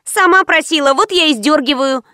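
A woman's voice: high-pitched, pushed and bright, no echo, clean studio sound, voice pushed up. A woman doing a sarcastic teenage schoolgirl. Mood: bossy. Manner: mocking, quick-tongued retorts. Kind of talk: audiobook character voice.

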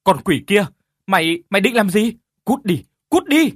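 A man voicing a desperate young man who shouts frantically in an audio story. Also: high-pitched, very animated, moderate pace, dry recording, clean studio sound, pitched above the performer's own voice.

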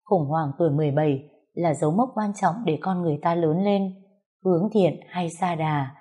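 A woman narrating a romance story in a measured, emotional reading. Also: lowish voice, warm tone.

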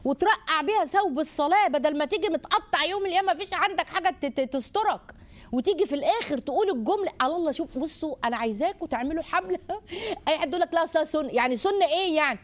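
An Egyptian woman hosting a live religious advice show. She exhorts and gently teases her callers in an animated way. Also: very high-pitched, racing. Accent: Egyptian Arabic. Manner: animated, exhorting, warmly teasing. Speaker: host answering viewer questions.

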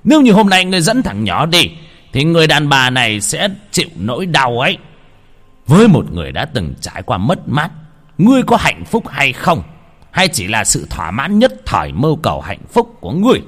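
Guy doing a stern exorcist master, husky, big swings in pitch. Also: huge pitch swings, fairly quick, fairly bright tone. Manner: commanding, preachy.

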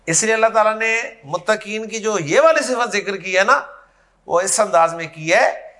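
In a classroom lecture, a man with a high, bright, pushed voice teaches Arabic grammar. He explains things step by step and checks that his students are following along.

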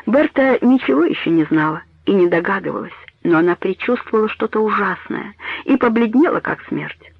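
A man narrating a dramatic audiobook in a measured, dramatic way. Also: sits high, expressive, gravelly, slightly rough, dry recording. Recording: tinny phone-like dry audio.

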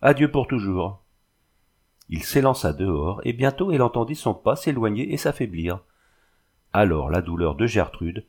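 Low-voiced man reading a novel aloud. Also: darkish tone, breathy edge. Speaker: audiobook narrator. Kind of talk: literary reading.

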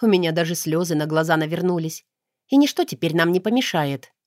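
A woman's voice: fairly low pitch, lively intonation, a little fast, darkish tone, dry recording, studio quality. Woman narrating an audiobook. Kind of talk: first-person audiobook narration.

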